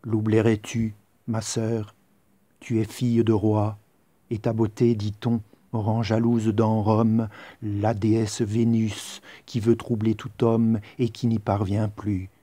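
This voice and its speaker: A man voicing a stern young prince, the heroine's brother, in a deliberately deeper voice, reciting verse. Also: monotone, dark tone, dry recording.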